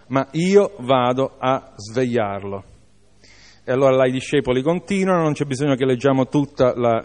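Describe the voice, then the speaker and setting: A man's voice: mid-range voice, a little mellow. A man preaching a sermon, reading a Bible passage aloud and then exhorting his listeners with informal asides.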